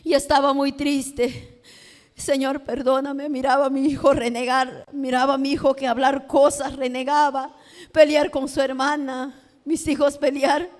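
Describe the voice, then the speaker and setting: A high-voiced, middle-aged woman gives an emotional testimony before her church. She repeats her words and moves between hushed and raised passages. Her voice echoes with the long reverb of a church hall. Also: flat delivery, a little slow. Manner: emotional, repeats phrases, drops to a hush then rises. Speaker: church member giving testimony.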